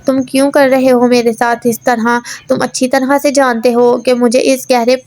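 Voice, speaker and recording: A woman voicing a young mother in an audiobook, afraid of deep water and scolding or pleading with the man beside her. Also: level tone, a little mellow, no echo. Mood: angry.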